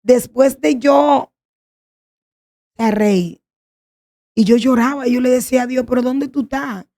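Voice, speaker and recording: A woman's voice: on the high side, steady tone, a little slow, mellow. A woman sharing an emotional personal testimony as a guest, telling her story in an earnest, pleading way.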